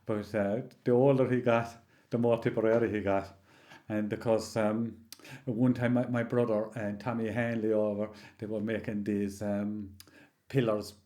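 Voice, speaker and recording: A man in his sixties with a rural County Limerick Irish accent, telling anecdotes in a halting, rambling, casual way. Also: fairly low pitch, mellow. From County Limerick, Ireland. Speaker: interview guest, local storyteller. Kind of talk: oral history reminiscence, casual storytelling.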